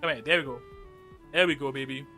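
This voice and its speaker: Faint music plays behind a young man from Trinidad and Tobago as he chats casually on a live game stream, joking and reading chat aloud. He has a Trinidadian accent and a mid-range voice with a sharp tone, and he talks quickly.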